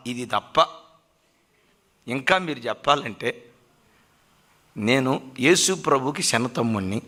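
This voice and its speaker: A male pastor telling a sermon story, acting out the characters and swinging between loud cries and low murmurs. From India.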